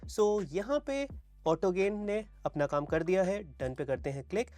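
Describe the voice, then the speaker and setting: A man's voice: sits high, very animated, normal speed, a little mellow, no room sound, faint music behind. Man demoing studio gear, dry sound. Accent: Indian. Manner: explanatory, mixes English terms into Hindi. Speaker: gear reviewer. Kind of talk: product demo walkthrough. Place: home studio. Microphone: wireless mic, then dynamic and condenser mics.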